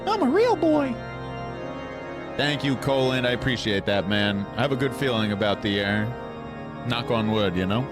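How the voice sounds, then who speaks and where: A man's voice: on the low side, moderate pace. A man chatting playfully and casually with viewers as he comments on his gameplay. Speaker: game streamer. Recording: game music behind the voice.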